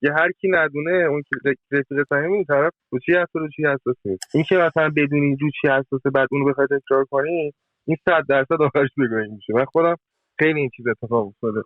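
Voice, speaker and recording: A man's voice: a little high, fairly even intonation, dry recording. A man speaking in casual chat as a podcast guest, talking conversationally and trailing off mid-phrase. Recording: tinny phone-like sound.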